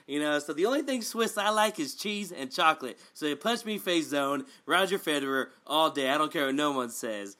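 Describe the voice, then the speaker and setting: A man co-hosting a casual sports chat, animated and jokey, with many fillers. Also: a little high, fairly quick, hardly any pauses. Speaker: co-host.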